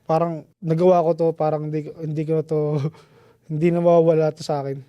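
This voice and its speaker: A man guest on a podcast, telling a story in a casual, slangy, animated way with lots of restarts. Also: a little high, brisk, smooth, dry recording, muffled recording. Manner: animated, slangy, keeps saying "tol"; restarts and trails off often.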